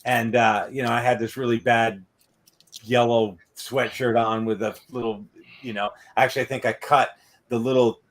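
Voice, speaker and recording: A man's voice: medium pitch, flat delivery, moderate pace. A man, hosting a podcast and telling rambling anecdotes full of filler tags. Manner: rambling, many "or whatever" tag-ons. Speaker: podcast host. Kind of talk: casual storytelling chat.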